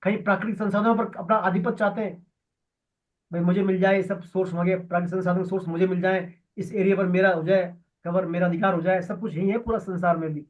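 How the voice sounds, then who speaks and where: A man's voice: sits high, fairly even intonation, quick pace, muffled recording. A man giving a devotional scripture lesson, explaining and repeating key words for emphasis. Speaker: Gita teacher.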